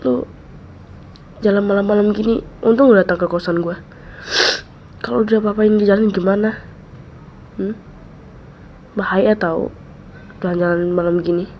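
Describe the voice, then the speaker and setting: Soothing gravelly woman, whispered role-play. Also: mid-range voice, fairly even intonation, moderate pace, pauses often. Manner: soothing, repeats comforting words, soft and close. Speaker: ASMR role-play creator. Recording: dull lo-fi mic with faint hiss.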